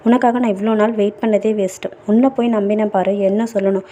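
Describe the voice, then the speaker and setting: A woman's voice: medium pitch, fairly even intonation, quick pace, mellow, slight background noise, lightly acted. A woman reading a story aloud, voicing an angry young woman who accuses her friend of betrayal. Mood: accusing.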